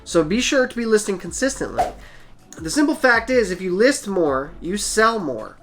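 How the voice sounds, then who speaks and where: Over music, a channel host who sells on eBay talks to camera at a moderate pace, his voice high-pitched and expressive. He shares practical selling advice in a relaxed, straightforward manner.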